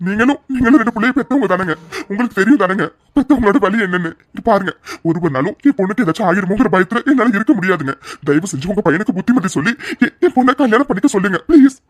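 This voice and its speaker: An earnest, pleading mother in a cartoon, her middle-pitched voice pressing on fast as she begs for her daughter, as a woman plays her. The sound is dry and close. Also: lively intonation, no room sound, close to an everyday voice.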